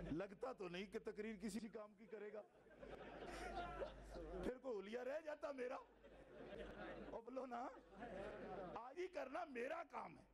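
A man with a high voice preaches to a gathered audience in a fervent, theatrical sermon. He acts out quoted lines, teases his listeners, and climbs to shouts at the peaks. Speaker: religious speaker at a Milad gathering. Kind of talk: impassioned Urdu sermon. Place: gathering hall with live audience.

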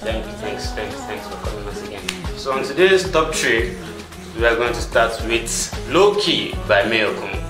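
A man's voice: medium pitch, expressive, moderate pace, roomy sound. A man presenting a music video countdown show in a studio, announcing with hype. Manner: announcer-like, hyping. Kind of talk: scripted presenting.

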